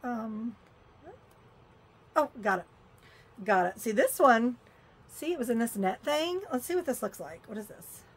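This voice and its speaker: Her fairly high, slightly rough voice is animated but measured, with frequent pauses. She's a vlogger chatting through a shopping haul unboxing, exclaiming and muttering as she opens and handles things.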